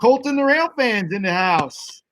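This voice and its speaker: A man hosting a livestream, upbeat, rattling off quick shout-outs to viewers, with faint noise and clicks behind him. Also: sits high, big pitch swings. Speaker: livestream host.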